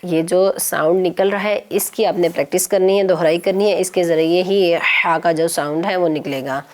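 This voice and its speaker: A woman's voice: lowish voice, fairly even intonation, a little mellow. Patient woman teaching children to read. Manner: patient, encouraging, drills letter sounds slowly. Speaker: children's Quran reading teacher. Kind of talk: televised phonics lesson for children.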